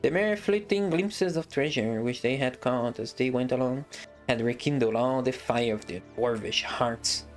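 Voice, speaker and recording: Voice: medium pitch, moderate pace, faint music behind. A streamer reading a fantasy novel aloud on a live stream, breaking off for casual, joking asides.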